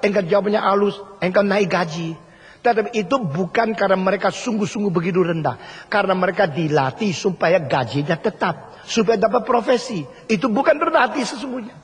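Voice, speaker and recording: An older man preaching a sermon emphatically, repeating his key phrases and sometimes mimicking other people. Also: high voice. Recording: husky voice in a hall with long reverb.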